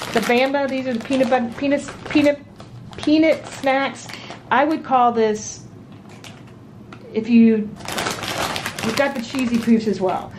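A woman's voice: on the high side, slight background noise. Chatty woman showing off a grocery haul. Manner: relaxed, chatty, many ums and restarts. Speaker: vlogger. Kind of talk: casual grocery haul chat. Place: home dining room at a table.

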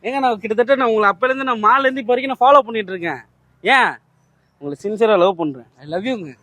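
High-voiced young man pestering pleadingly. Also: fast talker, pushed and bright, dry recording. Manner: pushy, wheedling, keeps calling out to her. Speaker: prankster. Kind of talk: street prank, pleading love proposal. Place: outdoors on a street.

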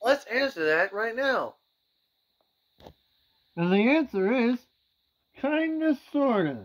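A man's voice: sits high, expressive, slow pace. A young man speaking through a gas mask, giving a casual gear test as a vlogger in a small room. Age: young adult. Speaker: vlogger testing military gear. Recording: muffled, slightly dull home recording.

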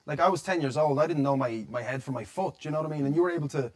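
An interviewer hosts a band chat in a studio lounge, talking fast on a handheld mic. He sounds upbeat and eager, with a voice a bit above average pitch. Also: darkish tone. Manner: enthusiastic, quick, says "yous". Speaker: interviewer host. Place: recording studio lounge, indoors. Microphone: handheld microphone.

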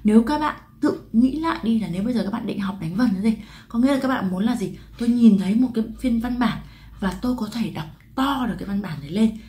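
Fast-talking Vietnamese woman teaching English sounds. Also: on the high side, lively intonation, warm tone. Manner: chatty, asks rhetorical questions, stretches out example words. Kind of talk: explanatory lesson to camera.

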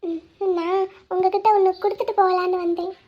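A woman's voice: very high-pitched, little pitch movement, brisk. A woman voicing a poor, proud young woman in a cartoon drama, sad and resolute. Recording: dull lo-fi audio.

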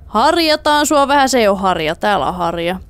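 A woman doing let's play commentary, excitable, talking to the game characters and slipping in English phrases. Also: medium pitch, a crowd in the background. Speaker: gaming YouTuber.

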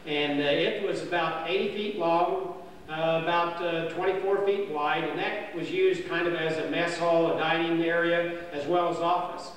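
An older man with a slightly high, steady voice spins a rambling, homespun camp story about history at a normal pace, full of fillers and false starts. A distant camera picks him up in an indoor dining hall, where the sound echoes around the roomy space over a faint hum.

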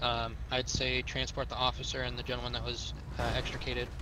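A man role-playing an emergency scene commander, speaking in halting, procedural radio talk. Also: mid-range voice, completely flat delivery, background noise.

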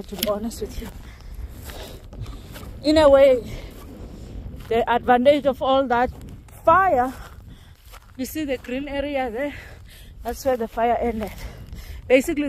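Middle-aged South African woman, rambling outdoor walk-and-talk vlog, phone mic, wind noise clearly audible. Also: a little high, a little mellow, rough recording. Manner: chatty, rambling asides, laughs easily. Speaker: vlogger. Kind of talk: casual walking vlog. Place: outdoors on dry rural farmland, windy. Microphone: handheld phone at arm's length.

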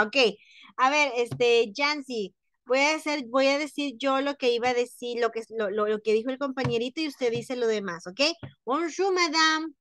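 A woman teaching a French class to Spanish-speaking students over a video call, patient, slowly repeating words and explaining pronunciation. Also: on the high side, fairly bright tone, no echo.

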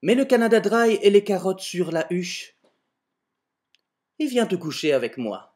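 Guy reading a silly fairy tale into his webcam at home, highish voice, bouncing all over. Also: measured pace. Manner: animated, mock-exasperated asides. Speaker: amateur video maker telling a fairy tale. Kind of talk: comic storytelling. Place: at home in front of a door.

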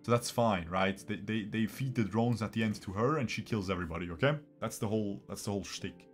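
A young Bosnian man who grew up in Switzerland streams a strategy game from a small room, talking fast in a lowish voice into his desk mic while faint music plays behind him. He chats with his viewers as live commentary and tends to repeat himself.

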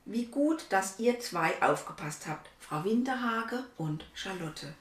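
A woman's voice: medium pitch, expressive, takes it slowly, roomy sound, recorded from a distance. Woman doing a sensible mom telling the kids off, lots of up and down. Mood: admonishing. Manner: explaining, admonishing. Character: sensible lecturing mother of a girl.

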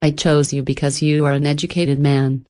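A woman voices a cultured ancient entity from a horror storybook, staying close to her everyday voice while speaking low, soft, and even. The slow, measured words are courteous but carry an amused, menacing undercurrent.

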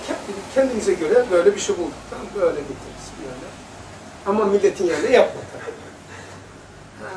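A man giving an informal religious lesson to a small audience, talking in an animated, chatty way and often turning to address the room directly. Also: high-pitched. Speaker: religious teacher. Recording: roomy sound, voice from far off the mic, faint background hum.

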